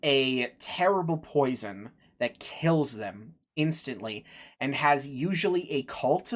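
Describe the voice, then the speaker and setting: A man acts as game master for a tabletop game. He moves slowly through his narration, halting to think aloud, and slips into casual chat with the players. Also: mid-range voice, lively intonation.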